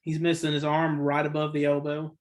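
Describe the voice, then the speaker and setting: A man's voice: a little high, completely flat delivery, fairly quick. A man hosting a casual sports podcast, rambling and opinionated, correcting himself often, with the hiccups. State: has the hiccups. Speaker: podcast host.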